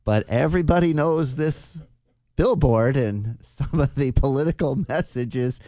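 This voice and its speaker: A man with an average-pitched voice co-hosts a radio show. He presents a news segment conversationally, as if chatting with the host. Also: a little slow, mellow, no echo, studio quality.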